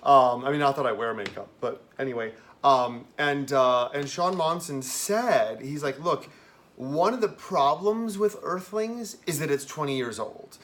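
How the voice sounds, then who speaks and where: Man, campy manner, medium pitch, casual review chat, wry asides, host. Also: animated, unhurried, a bit bright. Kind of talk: casual conversational film review.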